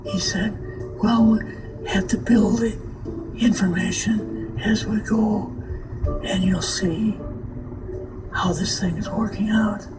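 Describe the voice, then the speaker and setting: An elderly man with a weak, whispery voice, recounting his experiences haltingly in an interview. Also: high-pitched, fairly even intonation. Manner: halting, with long pauses. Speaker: interviewee recounting past government service. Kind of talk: slow personal recollection in an interview. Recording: roomy, distant mic under loud music.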